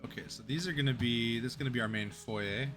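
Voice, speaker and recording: A man's voice: mid-range voice, fast talker, fairly bright tone, soft background music. A young man streaming a game, chatting casually and telling a long joke in a rambling way with restarts and chuckles.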